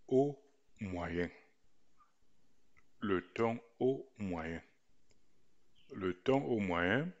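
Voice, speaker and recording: A man teaches tones with deliberate care, pausing over each syllable as he demonstrates it. His voice sits low and his pace is very slow. The recording sounds dull and lo-fi. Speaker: language teacher. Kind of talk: slow pronunciation lesson.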